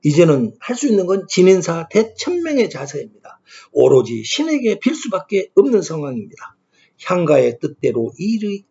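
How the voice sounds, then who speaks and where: A man's voice: a little high, gravelly, a little mellow. A man giving a lecture who asks himself questions and answers them with emphasis. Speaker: lecturer on ancient Korean poetry. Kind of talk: classroom-style lecture. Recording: dull lo-fi recording.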